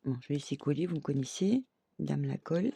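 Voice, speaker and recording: A woman's voice: sits low, lively intonation, brisk, vocal fry, warm tone, breathy edge. A woman craft vlogger chatting casually to her viewers, thinking aloud and dotting her talk with little "hop" and "voilà".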